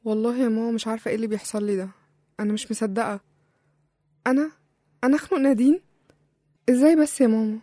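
A woman's voice: on the high side, fairly even intonation, fast, pauses often, warm tone, no room sound, clean studio sound, lightly acted. A woman with an Egyptian Arabic accent acting a frightened young mother on a phone call in an audio drama. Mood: anxious. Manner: anxious, distressed.

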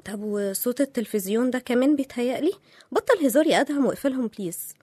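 A woman's voice: a little high, animated, rapid-fire, darkish tone, breathy edge, no echo, studio quality. A woman with an Egyptian Arabic accent acting a young wife in an audio drama, shaken by nightmares. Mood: drowsy. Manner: sleepy then panicked, pleading.

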